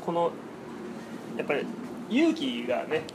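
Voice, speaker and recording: A woman co-hosts a casual radio chat with quick, teasing reactions and frequent laughter. Her voice is on the low side but jumps wildly in pitch. A steady hiss runs through the recording. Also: creaky. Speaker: radio show co-host.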